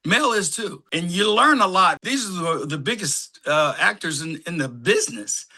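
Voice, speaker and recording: Bright, high-voiced man telling stories. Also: moderate pace. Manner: animated anecdotes, acts out quotes, laughs often. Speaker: actor guest. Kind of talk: casual storytelling.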